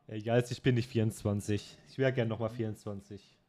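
His voice is fairly low, steady, brisk and dark in tone. He's a twenties-aged man streaming a game from his bedroom, trading jokes and teasing a friend in casual gaming chat.

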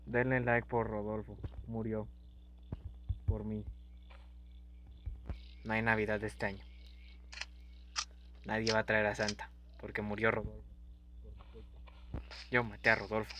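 A young man giving playful, goofy let's-play commentary, breaking into sudden yells and silly meowing. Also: lowish voice, monotone, a little slow, pauses often, a little hiss or hum. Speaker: gaming youtuber.

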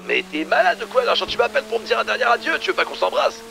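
A man's voice: very high-pitched, very animated, racing, gravelly, noisy background, heavily acted. A man playing a brash, foul-mouthed but loyal criminal buddy in online game roleplay, with blunt, teasing slang.

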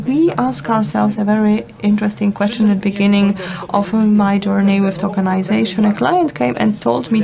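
A woman giving a live interpretation of a conference talk, halting and full of fillers and restarts. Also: mid-range voice, gravelly.

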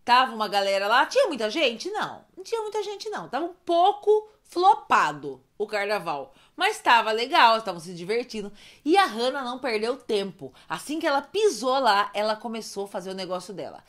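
A woman's voice: fairly high pitch, big pitch swings, fairly quick, few pauses, a bit bright. A woman casually recapping funny moments, chatty, with asides to viewers and frequent fits of giggles. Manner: giggly, often breaks into laughter. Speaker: storyteller recapping roleplay streams.

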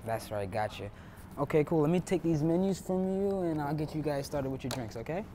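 A man's voice: fairly high pitch, a little fast, slight background noise, lightly acted. A man acting as a polite, easygoing waiter who turns out to own the restaurant, over background music. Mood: friendly. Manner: polite, patient, relaxed. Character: friendly easygoing male waiter, secretly the owner. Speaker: actor in a web skit. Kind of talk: scripted skit acting.

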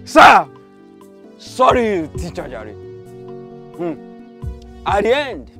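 An actor with a Nigerian English accent playing a village man who slowly and slyly questions a teacher. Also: high-pitched, full character voice. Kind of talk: scripted film dialogue.

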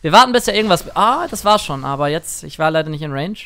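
A young man chatting excitedly through live gameplay commentary as a streamer, now and then singing or shouting at a play. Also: fairly high pitch, quick pace, clean tone. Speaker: gaming streamer.

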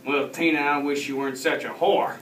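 A man's voice: fairly high pitch, fairly even intonation, a little fast, close to an everyday voice. A young man playing a crude, insulting boyfriend in amateur sketch comedy, recorded in a classroom. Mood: mock insulting. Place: classroom, far camera. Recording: echoey classroom, distant mic, loud noise.

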